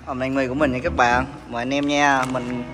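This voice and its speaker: A man's voice: medium pitch, level tone, brisk. A young man with a southern Vietnamese accent chatting casually as a food vlogger over a meal at a restaurant table. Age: young adult. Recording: music behind the talk.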